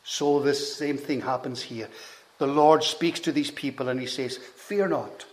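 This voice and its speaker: Male preacher, mid-pitched, slow and deliberate, emphatic swells and quiet drops. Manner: slow, measured delivery with emphatic rises and hushed drops. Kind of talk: sermon.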